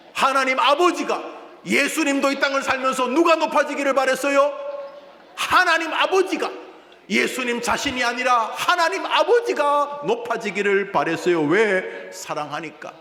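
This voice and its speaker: A man who is a senior pastor, preaching a sermon in an animated way, swinging from loud to hushed. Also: high voice. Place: church sanctuary. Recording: echoey church hall with room noise.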